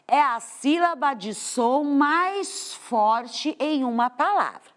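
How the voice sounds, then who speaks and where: Brazilian woman, studio teacher, high and lively, asks the class questions as she explains. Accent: Brazilian Portuguese. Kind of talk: televised classroom lesson. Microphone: studio microphone.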